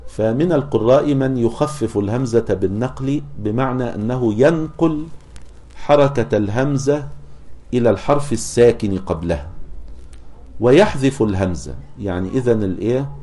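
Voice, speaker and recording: A man teaching a classical text, pausing to ask rhetorical questions and slowing down to chant verses and examples. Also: medium pitch, warm tone. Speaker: teacher of Quran recitation. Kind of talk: explaining a scholarly text to students.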